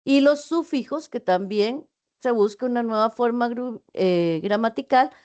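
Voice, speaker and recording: A woman's voice: a little high, measured pace, a little mellow. Woman teaching an online class. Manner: explanatory, with frequent "eh" fillers and self-corrections. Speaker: university teacher.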